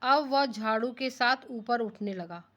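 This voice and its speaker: A fairly high-voiced woman teaching a primary class. She reads a story line by line, slows down for the text, then retells it in plainer words and keeps asking the children questions. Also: pushed and bright. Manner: rereads lines slowly then explains them in simpler words; asks the class rhetorical questions. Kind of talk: reading and explaining a children's story.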